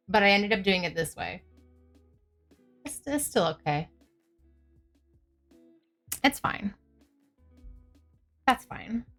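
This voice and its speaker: A woman's voice: medium pitch, fairly bright tone. A woman from Canada live streaming, chatting casually with viewers in a cute, bubbly anime-streamer manner. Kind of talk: casual livestream chat with viewers.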